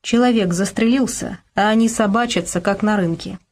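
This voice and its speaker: Woman reader doing a slow, sighing mournful old man. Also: medium pitch, close to an everyday voice.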